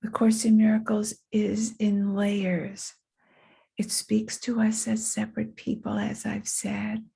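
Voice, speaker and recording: A woman giving a slow, reflective spiritual talk, speaking softly and often dropping into a breathy near-whisper. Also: mid-range voice, monotone. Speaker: spiritual teacher.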